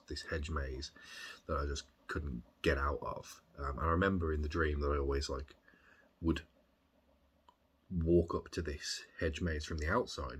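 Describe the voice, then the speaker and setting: An extremely deep-voiced man from Birmingham, speaking with the local accent. His voice is husky and rough-edged. He recounts things in a casual, reflective diary style, pausing and rambling as he gathers his thoughts. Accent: Birmingham English. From Birmingham, England. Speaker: video diarist.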